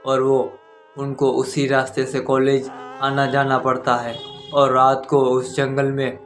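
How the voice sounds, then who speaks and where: Slow, monotone male horror narrator. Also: mid-range voice. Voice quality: monotone, measured. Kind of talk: scripted first-person horror narration. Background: faint background music.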